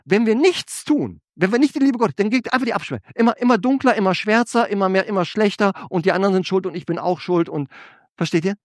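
Animated high-voiced German preacher. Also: male voice, quick pace, dry recording, studio quality. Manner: animated preaching with rhetorical questions to the congregation. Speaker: pastor. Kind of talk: sermon.

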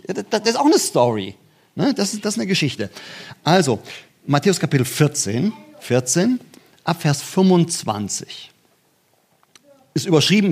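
A man preaching a conversational sermon, often checking in with his listeners and restarting his sentences. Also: husky. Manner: conversational, frequent "ne?" asides and restarts; lively, pitch jumps when stressing points. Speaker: pastor.

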